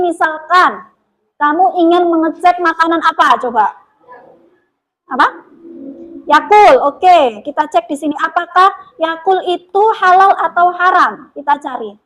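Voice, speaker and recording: A woman's voice: very high-pitched, normal speed, low-quality recording. A woman teacher giving a lesson to a class of children, asking them questions and calling herself by her teacher name. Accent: Indonesian. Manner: lively, questioning, refers to herself as [name].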